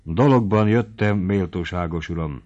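A man's voice: low voice, darkish tone. A man reading the part of a humble, sorrowful gray-haired old man who speaks in a subdued, hesitant way, on a dull lo-fi recording.

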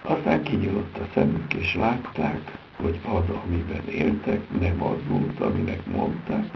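A man giving a theatrical reading of literary prose, with a dramatic delivery. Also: vocal fry. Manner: theatrical, dramatic delivery with big pitch swings. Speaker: reader. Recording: dull lo-fi recording with steady background noise.

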